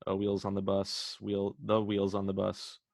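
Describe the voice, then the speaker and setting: A man's voice: on the low side, monotone, normal speed, gravelly, a little mellow, no echo. A man co-hosting a comedy podcast, chatting in a laid-back, joking way. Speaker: podcast co-host. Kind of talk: casual comedy chat.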